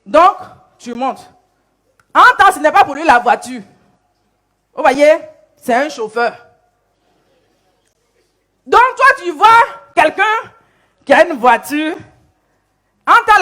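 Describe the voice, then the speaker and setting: A woman preacher delivering a sermon, telling a story in an animated way and acting out the people in it. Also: high voice. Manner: animated storytelling, acts out characters.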